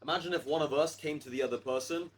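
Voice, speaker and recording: A man's voice: a little high, fast, husky. A man speaking as a guest on a podcast, fluent and confident as he tells stories. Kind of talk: casual chat.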